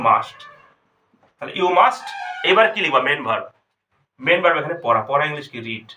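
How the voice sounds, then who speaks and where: Quick, bright-voiced male teacher. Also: a little high. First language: Bengali. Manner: explains step by step, asks students questions. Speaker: English teacher. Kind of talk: spoken grammar lesson.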